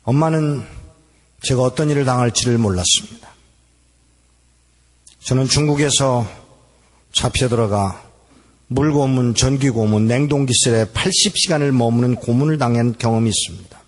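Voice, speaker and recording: Man in his 60s, pastor, sermon testimony, dramatic storyteller, middle-pitched voice, long hall echo. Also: moderate pace, long pauses. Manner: dramatic storytelling, acting out remembered dialogue. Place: large hall at a church gathering. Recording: echoey hall with long reverb.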